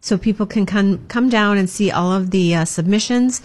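A woman from the chamber of commerce shares upbeat community announcements in a casual chat, her mid-range voice a little mellow and her speed normal. She sounds promotional and uses plenty of ums.

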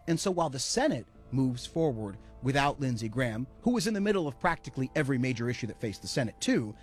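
A man's voice: mid-range voice, big pitch swings, quick pace, faint music behind. A man reporting as a news correspondent, fluent and emphatic.

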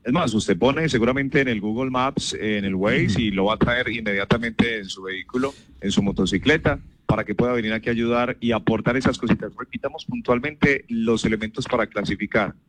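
A man reporting live on the radio from an outdoor shelter, brisk and upbeat as he describes the scene and interviews people. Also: medium pitch, dry recording. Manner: brisk, upbeat on-location delivery. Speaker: field reporter.

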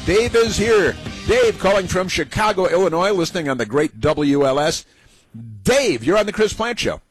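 Male radio host, slightly high voice, easygoing talk, music underneath. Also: expressive, breathy edge. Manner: casual, agreeable, halting fillers.

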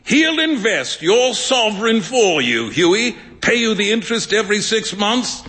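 A man's voice: high voice, very animated, moderate pace, sharp tone, pitched above the performer's own voice, exaggerated voice. A man playing a breezy, teasing young painter. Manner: jovial, mocking. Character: teasing well-off male painter, amused and breezy. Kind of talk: live dramatic reading. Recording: long stage reverb in a hall.

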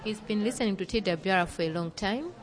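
A woman speaking as a live interpreter, retelling a listener's testimony in the third person in a plain, steady way. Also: mid-range voice, a little fast, a crowd in the background. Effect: live interpreter voice relaying a speaker's words.

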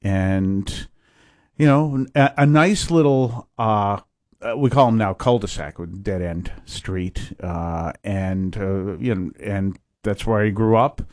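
Older male priest, low reflective voice. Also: slow pace, a little mellow, no echo, clean studio sound. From Massachusetts. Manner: reflective, hesitant with fillers. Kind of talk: conversational interview.

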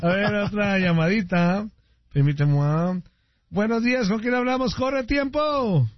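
A man's voice: high voice, dry recording, muffled recording. A man with a Mexican Spanish accent hosting a call-in radio show, joking and teasing in slangy banter. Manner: teasing, slangy, quick to joke.

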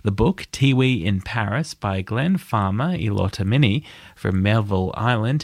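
Man, australian accent, news bulletin, low voice, dry close sound. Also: no echo. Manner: steady measured newsreader delivery. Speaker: news presenter. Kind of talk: scripted news reading.

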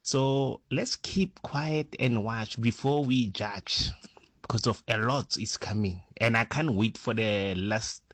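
Man, recorded voice note, low voice, dry sound, earnest, measured. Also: no echo. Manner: earnest, measured, pausing with fillers. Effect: recorded voice note played on air. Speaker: listener sending a voice note. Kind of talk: casual spoken message.

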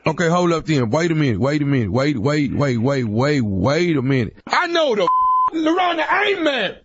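A man's voice: fairly high pitch, big pitch swings, normal speed, a bit bright, breathy edge, no room sound, voice pushed down, exaggerated voice. A man putting on the voice of a male inmate calling collect on a payphone line, stammering and insistent. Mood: pleading, stunned. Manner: stammering, insistent, laughing under breath. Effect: payphone call line. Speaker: radio prank caller. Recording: dull dry phone line.

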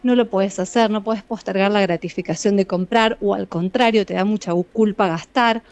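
An Argentine woman psychologist answering interview questions in a measured, explanatory way, often speaking straight to the listeners. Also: medium pitch, fairly even intonation, a little mellow. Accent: Argentine Spanish. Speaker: psychologist and author, guest.

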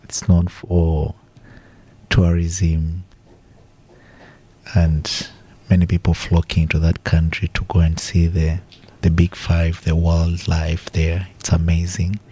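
A man from Kenya, a radio interview guest, answering slowly and hesitantly with many pauses and restarts. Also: low voice, monotone, warm tone, husky. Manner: hesitant, with fillers and restarts, slow and deliberate.

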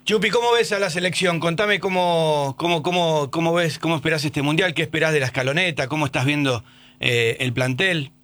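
A man's voice: on the high side, fairly quick, fairly bright tone. A man with an Argentine accent hosting a radio interview in a chatty, teasing way. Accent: Argentine Spanish. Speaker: radio host.

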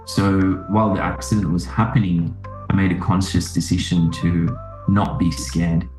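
In this interview conversation, a Sri Lankan man in his thirties, a doctor guesting on a podcast, speaks at normal speed in a deep, level, slightly mellow voice. He is reflective, full of fillers and restarts, with soft background music and a roomy echo behind him.

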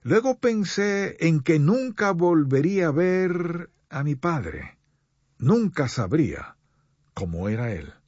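A man preaching a sermon to radio listeners, earnest and pleading, with slow deliberate pauses. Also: fairly high pitch, sing-song, a little mellow, dry recording, highs cut off.

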